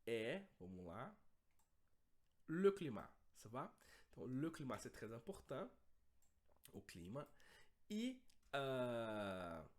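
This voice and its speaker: A man teaching a French lesson, checking in often with his students. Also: mid-range voice. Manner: lively, checks in often with the class. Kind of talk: language lesson.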